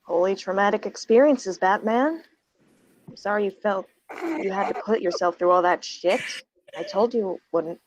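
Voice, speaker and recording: A woman's voice: mid-range voice, normal speed, lo-fi sound, a little hiss or hum, voice pushed down, close to an everyday voice. A woman voicing a smug, gleefully callous teenage boy in a table read of a screenplay. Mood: mocking. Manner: brash, mocking.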